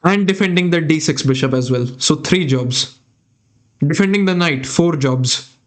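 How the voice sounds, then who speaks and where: A young Indian man streams chess from a small room, thinking aloud about the game and chatting with viewers in an Indian accent. His voice is on the high side, and he keeps a measured pace.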